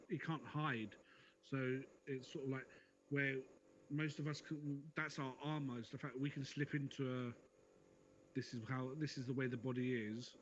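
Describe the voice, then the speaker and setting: Joking man on a lo-fi call. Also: mid-range voice. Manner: joking, rambling, swears freely. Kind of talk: casual chat. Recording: dull lo-fi audio with noise.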